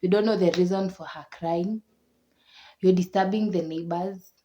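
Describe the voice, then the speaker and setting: A young woman with a Kenyan accent talks casually, laughing and repeating herself for emphasis. Her voice sits a little low and sounds mellow and dark. The recording is dull and lo-fi. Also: fairly even intonation, moderate pace, a little hiss or hum. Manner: chatty, laughs often, repeats words for emphasis. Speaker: vlogger. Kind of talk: casual chat.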